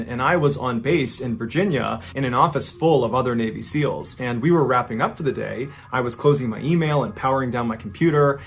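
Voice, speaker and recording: A man in his thirties, an American podcast host, narrating a true story in a conversational, scripted first-person style. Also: mid-range voice. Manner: conversational, chains sentences with "and so".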